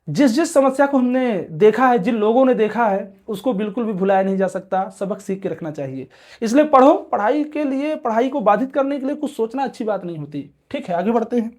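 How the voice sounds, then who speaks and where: A man's voice: extremely high pitch, lively intonation, fairly quick. A male chemistry teacher giving an exam-prep lecture who asks questions aloud, answers them himself, repeats key terms and keeps urging students to pay attention. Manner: repeats key terms several times over.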